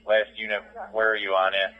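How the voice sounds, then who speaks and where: Male fire dispatcher, deep and flat, terse clipped radio updates through narrowband scanner. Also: a little fast. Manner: clipped, repeats addresses and call details.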